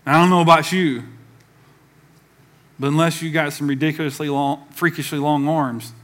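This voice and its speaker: Emphatic higher-voiced male pastor. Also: fairly bright tone. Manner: emphatic, calls for congregation response; conversational with casual asides. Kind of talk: sermon.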